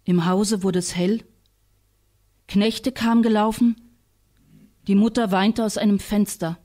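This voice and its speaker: A woman reading literary prose aloud in a staged reading, telling it in a calm, measured way. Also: mid-range voice. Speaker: reader.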